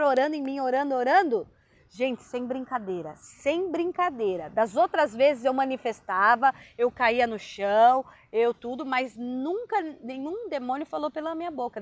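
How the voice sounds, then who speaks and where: A woman from Brazil telling her conversion testimony in casual storytelling, emotional and animated, with sudden high exclamations. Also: dull audio. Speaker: vlogger.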